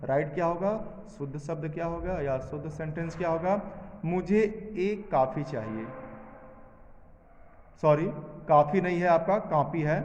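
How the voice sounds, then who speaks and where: A man's voice: fairly high pitch, fairly even intonation, fairly quick, darkish tone, a little hiss or hum. A male teacher taking a class through a lesson, asking questions and answering them himself. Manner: drills students, asking and answering his own questions. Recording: echoey room with long reverb, dull sound.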